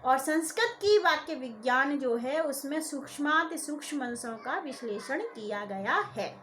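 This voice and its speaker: A woman lecturer giving a recorded lesson, explaining clearly and stressing key terms. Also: high voice, lively intonation, moderate pace, a bit bright.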